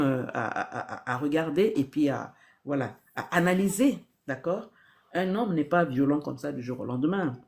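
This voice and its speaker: Her voice is low and a little mellow as she earnestly shares spiritual advice during a live stream. She tends to repeat key phrases and to ask questions that are rhetorical.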